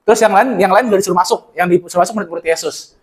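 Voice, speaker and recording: Pemuda berkhotbah cepat dan bersemangat. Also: male voice, high voice, rapid-fire. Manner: animated, acts out Bible scenes in slang. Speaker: church speaker. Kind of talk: casual sermon sharing.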